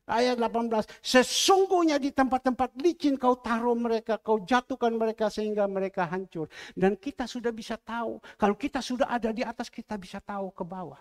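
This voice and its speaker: A middle-aged man preaching a sermon as pastor in a church, moving between loud exhortation and quiet asides. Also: extremely high pitch.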